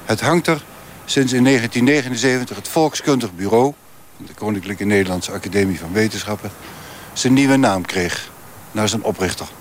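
Give me a male radio reporter speaking calmly, low voice, with street noise around him. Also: brisk. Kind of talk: scripted narration and on-location interviewing.

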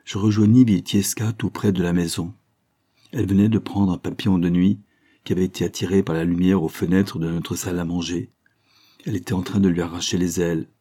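Deep husky man reading a novel. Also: steady tone, fairly quick, dark tone. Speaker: audiobook narrator. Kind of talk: scripted novel narration.

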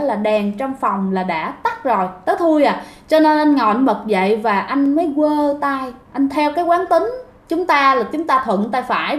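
High-voiced woman telling a ghost story. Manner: chatty, addresses listeners directly. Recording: echoey room.

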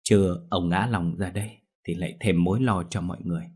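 A man voicing an older exorcist in an audio ghost story, brisk and grave. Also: sits low, steady tone, a little mellow, husky. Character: calm older male exorcist, grave and knowing.

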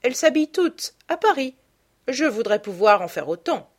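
A woman voicing an effusive high-society old duchess, exclaiming and gushing. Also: very animated, moderate pace.

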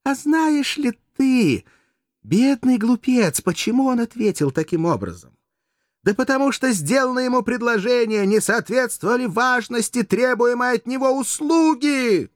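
Мужчина озвучивает молодую коварную куртизанку, театрально, с мольбой и надрывом, в аудиокниге. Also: male voice, normal speed, dark tone, no echo, clean studio sound, lightly acted. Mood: impassioned. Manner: shrill, pleading, theatrical. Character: scheming young female courtesan, passionate, manipulative. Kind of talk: audiobook character voice.

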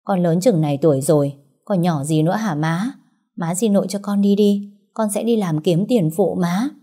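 A woman's voice: lowish voice, normal speed, warm tone, lightly acted. Woman doing a defiant young village girl. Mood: pleading. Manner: defiant, pleading.

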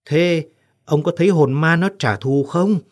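A man voices a hasty middle-aged village husband in an audiobook. He talks fast and eagerly, pitched a little above his narrating voice. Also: natural voice. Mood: urgent.

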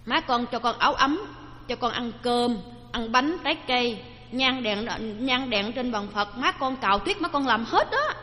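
Eager little boy, a woman voicing him, innocent, bright and high, in a reverberant hall. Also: lively intonation, moderate pace, highs cut off. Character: eager little five-year-old boy.

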